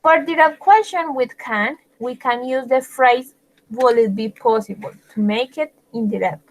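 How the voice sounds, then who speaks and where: A woman teacher with a fairly high voice gives a patient grammar lesson, switching between two languages. She speaks slowly, checks in often with her students, and draws out the example sentences as she reads them. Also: rough recording. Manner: explains patiently, switching between Spanish and English, many check-ins; slows down to read out example sentences. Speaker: English teacher.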